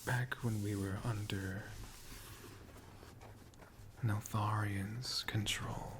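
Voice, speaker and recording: Whispering slowly and softly, a man plays a friendly, humble dragon who loves books in an ASMR storytelling roleplay with a hushed, friendly mood. His voice runs low and steady, and the background is noisy.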